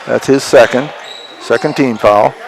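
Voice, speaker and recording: Male play-by-play announcer for live basketball: terse calls, creaky fry in the voice, clear gym noise behind. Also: medium pitch, a little slow. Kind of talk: live sports commentary. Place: indoor gym during a game. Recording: noisy live gym broadcast. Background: bouncing basketball, gym ambience.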